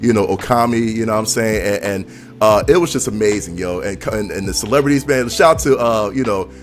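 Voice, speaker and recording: A man's voice: fairly low pitch, fairly quick, soft background music. A man as a podcast guest in casual chat, talking in a laid-back, slangy way with lots of fillers.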